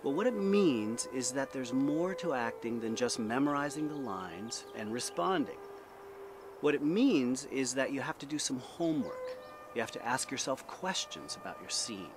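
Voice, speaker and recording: Male drama teacher for an acting lesson: emphatic, deliberate, widely varied intonation, clear background noise. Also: medium pitch. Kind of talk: instructional lecture to camera, drama teacher.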